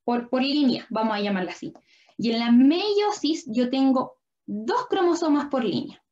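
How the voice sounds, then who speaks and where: Her voice sits high and unhurried, a little mellow, with big swings in pitch; she's a young biology tutor explaining at a drawing board during an online class. She stays patient and keeps asking questions to confirm understanding, all captured in dull, lo-fi audio.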